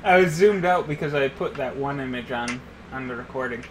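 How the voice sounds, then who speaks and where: A man's voice: mid-range voice, a little fast, background noise. A man co-hosting a podcast, teasing his friends and laughing often in a casual group call. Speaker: podcast co-host. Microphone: computer mic on a group call.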